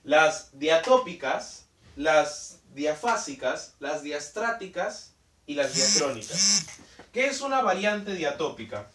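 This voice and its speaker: A man explains a language lesson in a higher, animated voice, slowing down to stress each key term. He sits back from the mic, so the roomy echo of the space carries his words. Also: a little hiss or hum. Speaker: teacher. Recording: roomy sound from a distant mic.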